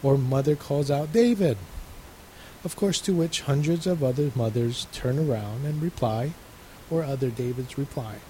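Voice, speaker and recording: A male resident minister giving a calm, measured radio sermon and reading a letter. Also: medium pitch, slight background noise, low-quality recording.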